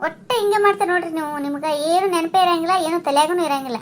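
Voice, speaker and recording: A woman voicing a scolding, sharp-tongued village wife in a cartoon, with a North Karnataka accent. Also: very high-pitched, a little hiss or hum. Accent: North Karnataka Kannada. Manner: nagging, sharp and fast. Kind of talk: cartoon voice acting.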